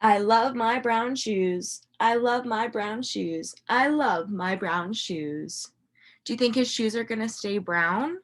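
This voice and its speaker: With a slightly husky voice on the high side, a woman gives young children an interactive picture-book reading, asking questions as a teacher might. She delivers it in animated, expressive storytelling marked by dramatic emphasis and pauses.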